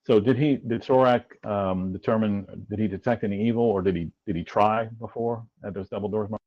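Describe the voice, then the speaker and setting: Low-voiced man, hesitant, dull lo-fi audio. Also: a little fast. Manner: hesitant, formal word choice, many fillers. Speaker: player. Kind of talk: tabletop game play over a stream. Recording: dull lo-fi sound.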